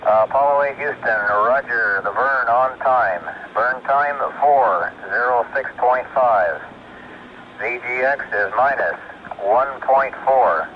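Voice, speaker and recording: A man at mission control calling the spacecraft and reading back figures in a measured way, with radio procedure words, over a crackly space radio link. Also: medium pitch. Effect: crackly space radio transmission. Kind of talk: radio procedure call-and-response. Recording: dull noisy archival radio link.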